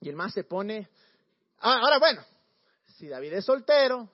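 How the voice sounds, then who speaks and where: High-voiced slangy preacher. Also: male voice, normal speed, highs cut off. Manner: slangy, animated, repeats words. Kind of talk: casual storytelling sermon.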